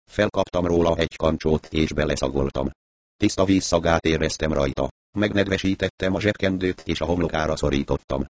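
Deep-voiced man narrating an audiobook. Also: no room sound. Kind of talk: first-person audiobook narration.

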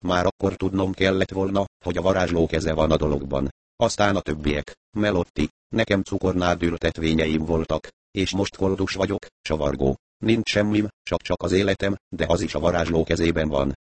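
A man's voice: low-pitched, darkish tone, dry recording, close to an everyday voice. A man voicing a terrified old tramp. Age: older. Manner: panicked, sobbing, babbling. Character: terrified ragged old male vagrant.

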